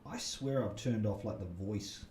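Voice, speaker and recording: A man's voice: on the low side, a little slow, darkish tone, slight background noise. A man chatting casually while gaming, rambling off on jokey tangents. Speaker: gaming streamer.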